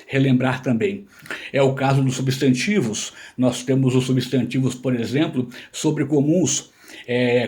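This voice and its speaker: A man's voice: mid-range voice, mellow. A man giving an informal grammar lesson, explaining patiently and checking in with his listeners. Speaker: Portuguese language teacher.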